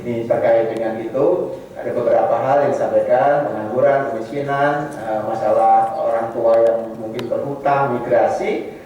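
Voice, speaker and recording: A man's voice: medium pitch, fairly even intonation, moderate pace, dark tone, muffled recording. A man moderating a public consultation forum, reading out chat questions with many hesitant fillers. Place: meeting room, heard from a distance. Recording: distant echoey room mic with faint noise.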